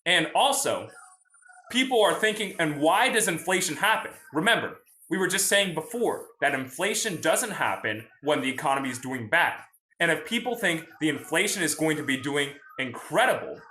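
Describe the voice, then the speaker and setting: A man's voice: on the high side, sharp tone, roomy sound. A young man hosting a casual livestream about finance, explaining in a chatty way and greeting viewers from the chat. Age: young adult. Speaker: host.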